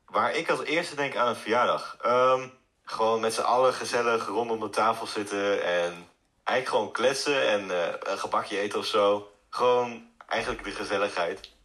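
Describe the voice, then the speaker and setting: A man's voice: on the low side, moderate pace, fairly bright tone. A man from the Netherlands with a Dutch accent, chatting casually and informally as a podcast guest. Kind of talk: casual chat.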